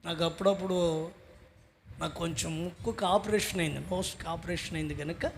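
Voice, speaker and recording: A male pastor preaching a sermon with a Telugu accent, often raising his voice to a shout and then dropping back down. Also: a little high, steady tone, brisk, slight background noise. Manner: preaches loudly, swinging into shouted lines. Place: church stage.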